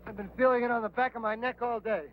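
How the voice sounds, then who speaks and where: A man's voice: extremely high pitch, steady tone, fast. An actor playing an uneasy, haunted man who feels hunted, brooding in 1950s film style. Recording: muffled old film soundtrack.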